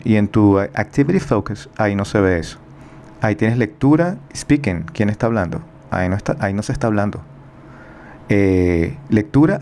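A man as a teacher giving recorded feedback on a student's project, calm and methodical, thinking aloud with fillers. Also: fairly low pitch, a little hiss or hum.

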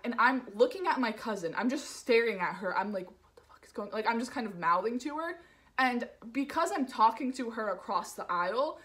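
A woman's voice: fairly high pitch, fairly bright tone. A young woman from the New York area telling a casual vlog story, rambling and full of "like" fillers. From New York area, USA. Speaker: vlogger.

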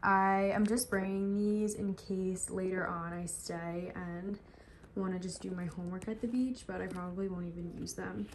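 A woman's voice: lowish voice, little pitch movement. Young woman vlogger, chatty and upbeat, phone held at arm's length, noisy recording. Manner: chatty, upbeat, quick asides to camera. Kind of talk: casual vlog chat. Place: beach outdoors and home rooms. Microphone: handheld phone camera at arm's length.

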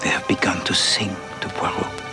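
An actor playing a fastidious middle-aged Belgian detective with a Belgian French accent, speaking in a measured, theatrical way. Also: male voice, music in the background, natural voice. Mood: grave.

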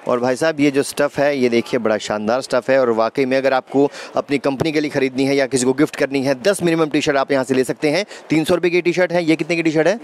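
A man in his thirties hosting a tour of a wholesale shop, holding a handheld mic indoors and repeating prices back to viewers in a lively way. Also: medium pitch, fast, few pauses, a little hiss or hum. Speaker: host showing a wholesale shop. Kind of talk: energetic shop-tour presenting. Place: indoor garment shop and office.

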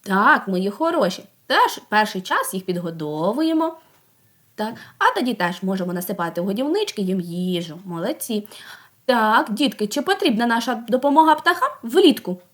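Lively-voiced preschool teacher woman. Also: mid-range voice. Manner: slow, drawn-out sounding out of words; coaxing questions and warm praise to children. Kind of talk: teaching young children.

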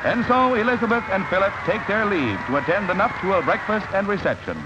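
A man narrating an old newsreel in a brisk, upbeat announcer style. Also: high-pitched, animated, heavy background noise. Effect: old newsreel sound. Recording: dull lo-fi 1940s newsreel with music.

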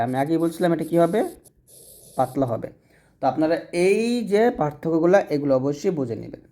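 A Bangladeshi man with a mellow, fairly high voice gives a Quran reading lesson. He patiently explains how each letter is pronounced, repeating the points step by step and drawing out the letters as he demonstrates them.

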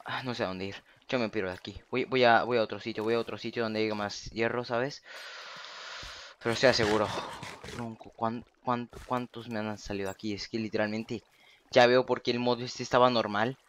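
A young man talks through his survival game as he plays. He keeps repeating himself in exasperated disbelief, and his voice sits at an ordinary middle pitch. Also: steady tone, normal speed, fairly bright tone, a little hiss or hum. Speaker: gaming youtuber. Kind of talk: Minecraft let's play commentary.

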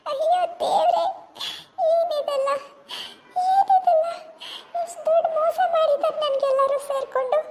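A woman playing a wailing, shrill young wife. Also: a little hiss or hum. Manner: sobbing through laughter, shrill outbursts. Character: wailing young wife, rich man's daughter, tricked. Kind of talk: comic village skit acting.

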